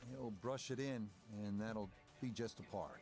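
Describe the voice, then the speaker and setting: A man giving measured play-by-play as a golf commentator in a video game broadcast style. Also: lowish voice, over music. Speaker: golf commentator, lead announcer.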